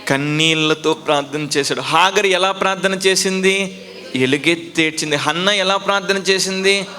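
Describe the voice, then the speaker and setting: A male pastor preaches with a high, bright voice. He drives the sermon with emphatic repetition, rhetorical questions and call-and-response. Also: moderate pace.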